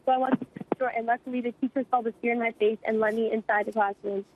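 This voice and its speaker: A woman's voice: fairly high pitch, fairly even intonation. Shaken teenage girl on a phone line. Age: teens. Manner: rapid, shaken recounting. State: in shock. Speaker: eyewitness student. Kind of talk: phone interview.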